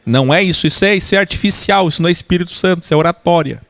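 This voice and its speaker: A man from Brazil teaching church teachers how to speak, lecturing in an animated way and mimicking preaching voices. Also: high voice, very fast, dry recording.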